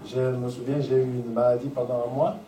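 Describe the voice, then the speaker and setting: Mellow-voiced male interpreter in a hall. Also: medium pitch, flat delivery, fairly quick, slight background noise. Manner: hesitant, with restarts and fillers while translating. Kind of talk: consecutive interpretation of a sermon. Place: church conference hall. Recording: echoey hall, voice from far off the mic.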